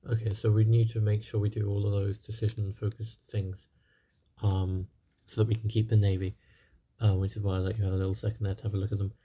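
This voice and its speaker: A man's voice: on the low side, little pitch movement, fast, mellow, breathy edge. A young man, slightly tired, giving casual, rambling commentary over a strategy game with lots of fillers. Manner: rambling, many fillers and hedges. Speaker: gaming channel host.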